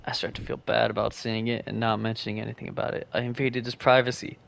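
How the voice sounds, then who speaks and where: A man's voice: on the low side, flat delivery, fast, gravelly, fairly bright tone, slight background noise. A man reading as a nervous, curious young guy. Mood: anxious.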